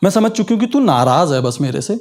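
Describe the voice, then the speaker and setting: A male comedian on stage voicing his dismissive, defiant young ex-girlfriend in a hushed, lowered tone. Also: big pitch swings, quick pace. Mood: pleading. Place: comedy stage before a live audience. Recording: live stage mic with crowd laughter.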